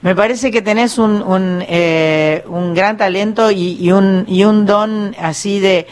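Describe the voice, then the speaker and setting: A woman's voice: mid-range voice, takes it slowly, darkish tone. A woman with a Rioplatense Spanish accent hosting a radio talk show, chatting and praising her guest. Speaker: radio host. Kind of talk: casual radio chat.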